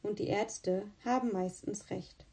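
A woman voicing a serious, thoughtful young boy who speaks quietly and musingly. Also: medium pitch, steady tone, a little slow, natural voice. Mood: earnest.

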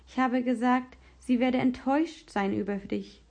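A woman reading as a gentle, patient aunt. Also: a little high, fairly even intonation, measured pace. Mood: reassuring. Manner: gentle, reassuring. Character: kind, patient adult aunt. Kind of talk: storybook reading.

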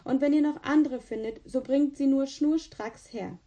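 A beaming, portly bald shopkeeper from a storybook, booming out his delight in a high, slow, drawn-out exclamation, as a woman reading the tale puts him on. He sounds warm and mellow. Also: natural voice.

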